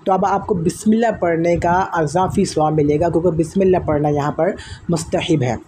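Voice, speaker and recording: A man's voice: a little high, a little fast, mellow, a little hiss or hum. A man teaching Quran recitation in a spoken lesson, patiently explaining step by step and posing questions he then answers himself, with chanted recitation examples.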